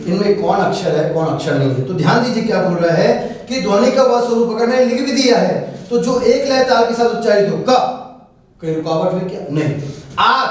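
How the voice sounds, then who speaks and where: In a very echoey room, a man with a high, slightly mellow voice teaches Hindi grammar classroom-style, standing away from the mic. He poses questions and then answers them himself.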